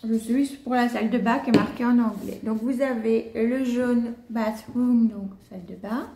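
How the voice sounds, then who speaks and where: Chatty Belgian woman with a gravelly edge. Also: on the high side, steady tone, moderate pace, dark tone. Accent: Belgian French. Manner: chatty, hesitant, many fillers and apologies. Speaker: vlogger. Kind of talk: casual unboxing chat. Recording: echoey room, faint noise.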